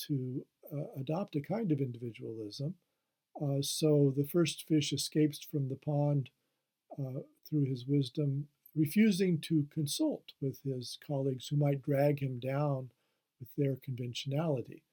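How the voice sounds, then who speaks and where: Mellow-voiced man giving a hesitant lecture. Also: medium pitch. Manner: hesitant, many "uh" fillers and restarts. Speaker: history professor. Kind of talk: recorded lecture.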